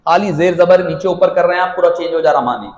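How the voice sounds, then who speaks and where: A man's voice: sits high, fast, roomy sound, muffled recording. A man giving a religious lecture, explaining to his listeners in a teacherly way with everyday examples. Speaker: Islamic lecturer.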